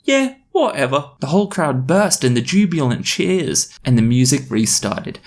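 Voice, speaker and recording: A man's voice: mid-range voice, animated, normal speed, darkish tone. A man narrating an online fan story for comedy, his voice sitting in an ordinary middle register. He reads with a wry edge. He often breaks off for self-aware asides. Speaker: YouTube story reader.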